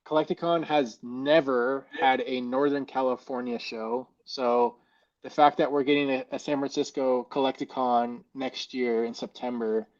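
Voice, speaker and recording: A man's voice: mid-range voice, fairly even intonation, normal speed, darkish tone. A man co-hosting a casual chat in a rambling way, his voice hollow and muffled as if inside a fishbowl, recorded through a mic plugged into a phone. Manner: rambling, loose, heavy on "like" fillers. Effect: hollow muffled fishbowl sound. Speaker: co-host. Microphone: external mic plugged into a phone.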